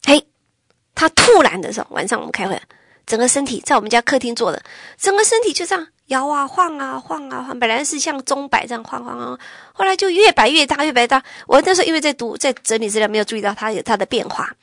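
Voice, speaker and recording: Gravelly woman giving emotional testimony. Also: high-pitched, lively intonation, fast, dry recording, clean studio sound. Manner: emotional, swings from loud to whispered. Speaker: testimony speaker.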